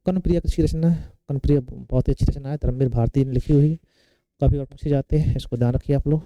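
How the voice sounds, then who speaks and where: Male tutor, very dark and smooth voice, drills exam questions with repeated check-ins. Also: medium pitch, steady tone, quick pace, no echo, dull audio. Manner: asks and answers his own questions, repeats key terms. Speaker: Hindi grammar teacher. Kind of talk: exam-prep lecture.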